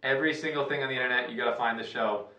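A man from Canada, hosting a casual sports talk show in a relaxed, chatty way with fillers and restarts. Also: mid-range voice, racing, highs cut off. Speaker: host. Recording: roomy sound, distant from the mic.

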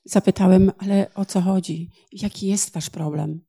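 A woman's voice: mid-range voice, fairly even intonation, normal speed, creaky, warm tone, slightly rough. A woman interpreting a sermon phrase by phrase, in a plain manner with small hesitations.

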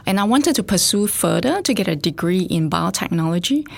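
A middle-aged Singaporean woman, a scientist and facility director, chats thoughtfully in a casual interview with frequent fillers and restarts. Her voice is fairly low and gravelly, expressive and brisk.

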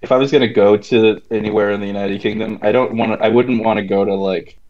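Casual male co-host, lowish voice, meandering filler-packed delivery, a bit muffled. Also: steady tone, quick pace. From United States. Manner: rambling, filler-heavy, lots of "like" and "you know". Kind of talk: casual chat.

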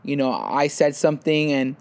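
A man's voice: a little high, normal speed, vocal fry, smooth. A young man co-hosting a casual chat podcast, telling stories and acting out what people said. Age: young adult. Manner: animated storytelling, acts out quotes. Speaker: podcast co-host.

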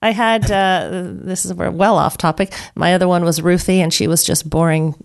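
A woman's voice: fairly low pitch, steady tone, moderate pace, creaky. A woman hosting a live radio health show, chatty and rambling, laughing often. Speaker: radio talk show host.

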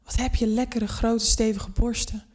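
A woman reading the part of an amorous boss in his forties, spoken softly and without much change from her own voice. He sounds flirtatious and relaxed, voiced in a story read aloud for listeners. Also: fairly high pitch, moderate pace, natural voice. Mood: flirty.

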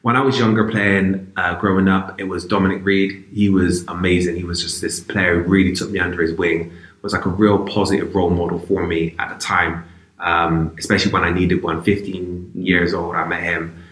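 A man's voice: sits low, little pitch movement, normal speed, a bit bright. A man from Bristol, chatting casually and reflectively as an interview guest. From Bristol, England. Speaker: basketball player, interview guest. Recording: roomy, echoey sound.

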